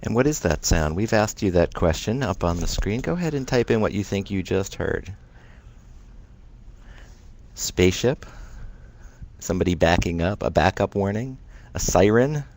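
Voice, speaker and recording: A man's voice: low voice, animated, normal speed, darkish tone, a little hiss or hum. A man moderating an online session, reading audience guesses aloud and prompting them. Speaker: event moderator.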